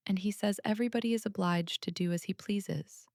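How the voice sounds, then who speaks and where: A woman voicing an earnest, matter-of-fact little girl who speaks softly but firmly, in a storybook reading. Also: medium pitch, fairly quick, gravelly, no echo, clean studio sound, voice pushed up, lightly acted.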